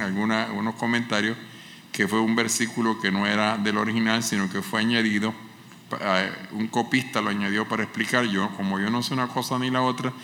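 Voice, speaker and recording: A male pastor preaching a sermon with passion, swinging from loud cries to hushed, pleading lines. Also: medium pitch. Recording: echoey hall with faint ambience.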